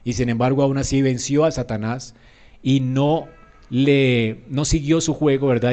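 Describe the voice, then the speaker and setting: A man preaching a sermon in an emphatic way, often checking with his listeners and acting out quoted voices. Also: a little mellow. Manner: emphatic, often asks "¿verdad?"; acts out quoted voices with rising pitch.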